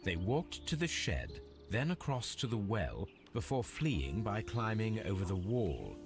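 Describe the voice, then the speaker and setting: An actor playing a calm, methodical male detective in a video game, speaking in a measured, deductive way. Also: fairly low pitch. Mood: musing. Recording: game audio with music behind. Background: game music.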